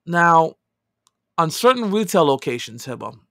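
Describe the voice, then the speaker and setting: A man in his thirties, a podcast co-host, telling a story in casual chat, animated and swinging from loud outbursts to quiet asides. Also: on the high side, a little slow, creaky, no room sound, clean studio sound.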